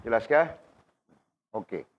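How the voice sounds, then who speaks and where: A man teaching an informal religious class, quizzing students by name and tagging his points with quick questions, sounding unwell. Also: medium pitch, lively intonation. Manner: conversational, questions students by name, frequent tag questions. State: unwell, in pain while talking. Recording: dull lo-fi recording.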